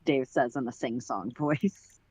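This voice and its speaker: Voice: medium pitch, measured pace, darkish tone, husky, lo-fi sound. A livestream host reading a fan-written story aloud in a casual narrating manner with asides. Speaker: story reader.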